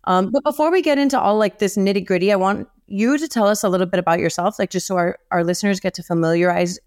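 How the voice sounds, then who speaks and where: A woman's voice: mid-range voice, fast, darkish tone, no echo, clean studio sound. A woman in her thirties hosting a podcast interview, chatty and upbeat with lots of "like" and "you know". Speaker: podcast host.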